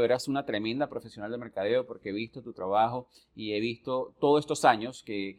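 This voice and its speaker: A man from Venezuela hosting a podcast interview, speaking in a reflective, earnest way with long, building sentences. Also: mid-range voice. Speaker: podcast host. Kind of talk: conversational interview.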